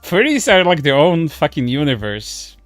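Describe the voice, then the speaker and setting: A man's voice: a little high, big pitch swings, moderate pace, a bit bright, no echo, faint music behind. A man chatting casually on a livestream, speaking bluntly and crudely in a scornful way into a headset mic.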